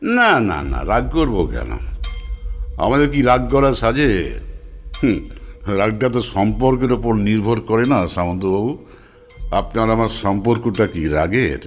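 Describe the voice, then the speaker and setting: A man's voice: on the low side, lively intonation, measured pace, soft background music. A man playing a sarcastic, taunting ex-convict. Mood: mocking. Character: sarcastic, mocking man just out of prison. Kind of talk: radio play acting.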